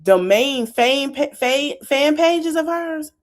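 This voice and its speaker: A woman's voice: high-pitched, takes it slowly. A woman hosting a podcast, chatting casually and animatedly. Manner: animated, laughs, acts out quotes. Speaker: podcast host. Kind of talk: casual commentary chat.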